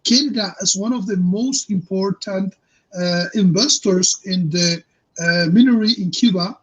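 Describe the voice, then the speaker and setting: A man with as his hosts a discussion in earnest, halting English. His voice is husky and sits high. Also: fairly bright tone, lo-fi sound. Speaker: host. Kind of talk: discussion panel.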